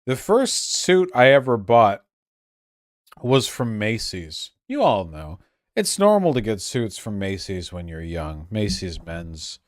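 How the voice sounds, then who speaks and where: A man's voice: fairly low pitch, wildly swooping pitch, slow pace, no echo, clean studio sound. A very drunk man rambling on a casual livestream, crude, losing his thread and stumbling over repeated words. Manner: crude, swearing.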